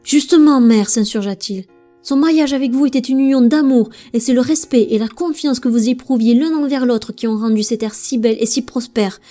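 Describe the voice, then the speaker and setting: A woman's voice: on the high side, normal speed, few pauses, warm tone, soft background music, pitched above the performer's own voice, close to an everyday voice. A woman voicing a proud young prince who speaks up in indignant outbursts, in a storybook reading. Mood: defiant. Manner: indignant, raised voice.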